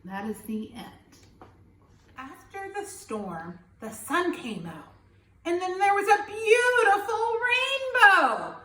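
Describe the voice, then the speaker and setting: Reading a children's story aloud, a woman teacher uses expressive, dramatic phrasing and asks her young listeners questions. Her voice is extremely high and slow, and the sound is roomy.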